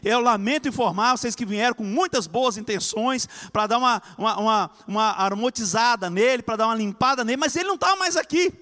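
A man's voice: fairly quick, hardly any pauses, sharp tone, in a large hall. A man voicing an angel who speaks in a casual, reassuring way. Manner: casual, reassuring, a bit lower. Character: calm male angel at an empty tomb.

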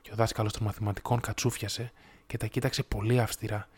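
A man reading a fairy tale aloud in a measured, steady storytelling manner. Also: on the low side, slightly rough. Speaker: audiobook narrator.

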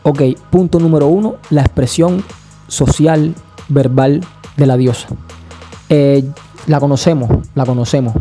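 A man hosts a podcast, talking through his opinions in a measured, analytical way. His voice is dark and mellow, pitched a touch above the usual male range. Soft music plays faintly behind him. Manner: measured, analytical, often asks "you know?". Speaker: podcast host. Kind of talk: opinion commentary.

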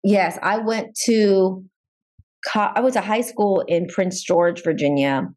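A woman in her forties, a lawyer talking through her background in a relaxed, thoughtful way with many pauses. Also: medium pitch. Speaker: guest, entertainment lawyer. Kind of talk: casual interview talk.

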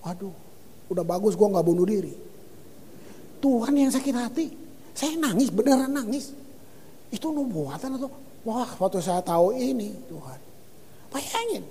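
Animated pastor preaching in a hall. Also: male voice, sits high, normal speed, pauses often, slight background noise. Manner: animated preaching with exclamations and scripture reading. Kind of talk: sermon. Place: church hall.

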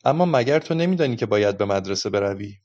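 A man's voice: on the low side, expressive, darkish tone, lightly acted. A man voicing a patient, patronizing adult policeman who lectures a child, in a dull lo-fi recording. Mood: lecturing.

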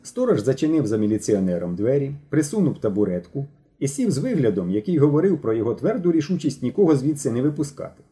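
Man, audiobook narration, dark warm timbre, lively intonation, measured. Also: mid-range voice. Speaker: audiobook reader. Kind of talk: scripted narration.

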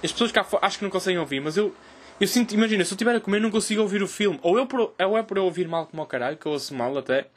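A young man with a European Portuguese accent tells a crude, animated comic story. His voice sits noticeably high. He talks at a rapid, rushing pace. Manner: animated, crude joking, loud cries in retold scenes. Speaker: host.

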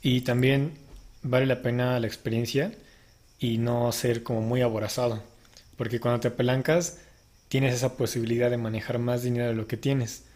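A man's voice: mid-range voice, level tone, moderate pace, darkish tone. A man co-hosting a casual podcast, giving earnest step-by-step advice. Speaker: podcast co-host.

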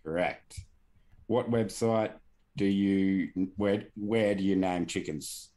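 A man's voice: deep voice, slow pace, dark tone. A man hosting a podcast in casual chat, swearing and laughing through banter. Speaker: podcast host.

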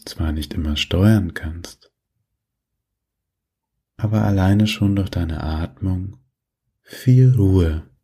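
Male meditation guide for sleep content: deep, soft and breathy, extremely unhurried, gentle and soothing. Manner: soothing, gentle instructions with long pauses.

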